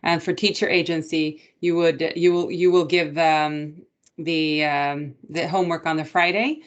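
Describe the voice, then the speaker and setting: A woman's voice: deep voice, fairly even intonation, unhurried, highs cut off. A woman parent asking the teacher questions in an online meeting, hesitant with many ums. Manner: hesitant, many fillers and restarts. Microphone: video call.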